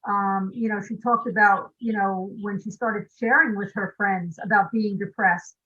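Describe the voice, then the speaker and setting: A woman on a discussion panel, speaking in a measured way with frequent "you know" fillers. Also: medium pitch, fairly even intonation, pushed and bright, dull audio.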